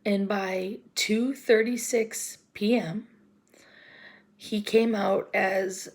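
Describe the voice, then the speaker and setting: A woman in her forties talking in an emotional personal vlog, close to tears, halting and often dropping to a whisper. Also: mid-range voice, fairly even intonation. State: close to crying. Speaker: vlogger.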